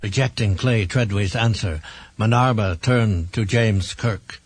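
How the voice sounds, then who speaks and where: A man narrating an audiobook in a measured storytelling manner. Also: lowish voice, a little hiss or hum. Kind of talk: scripted narration.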